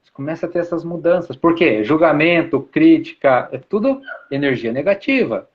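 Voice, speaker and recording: A man's voice: on the high side, animated, normal speed. Man giving an informal spiritual talk. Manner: repetitive, explanatory, uses many tag questions. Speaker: spiritual speaker. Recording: dull lo-fi sound.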